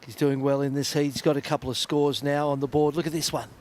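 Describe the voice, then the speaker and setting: A man with a fairly high, level voice and a slightly dark tone talks quickly as he calls a surfing contest live. He's a surf contest commentator, chatty and reflective in the gaps between waves.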